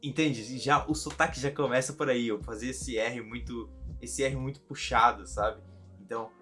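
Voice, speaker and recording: A young man from Brazil with a Brazilian Portuguese accent, talking casually in a reaction vlog, chatty and quick to laugh. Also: medium pitch, steady tone, bright, forceful tone, soft background music. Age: young adult. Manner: chatty, laughs often, repeats himself. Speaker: vlogger.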